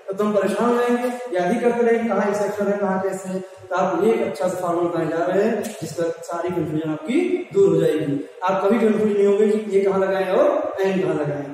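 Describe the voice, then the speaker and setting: A man's voice: high-pitched, brisk, darkish tone. A man teaching an English grammar lesson in a classroom, who keeps putting questions to the class and then answering them himself. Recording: echoey classroom from far off.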